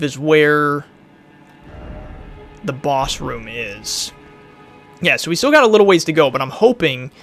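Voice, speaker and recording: Gravelly-voiced man chatting over gameplay. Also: on the high side, fairly bright tone. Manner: chatty, rambling, thinks aloud. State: losing his voice a bit. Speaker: gaming YouTuber. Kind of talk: casual let's-play commentary.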